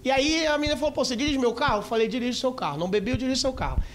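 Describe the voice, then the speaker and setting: A male stand-up comedian with a Brazilian accent, telling a story in a rowdy, swearing way and acting out scenes with sudden shouts. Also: very high voice, rapid-fire, a little hiss or hum. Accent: Brazilian Portuguese. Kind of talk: stand-up routine. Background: audience laughter.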